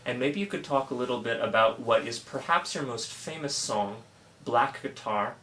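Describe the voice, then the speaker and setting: A man's voice: medium pitch, moderate pace, fairly bright tone, slight background noise. A man hosting an interview, reading a polite, prepared introduction and then asking questions. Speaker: interviewer host.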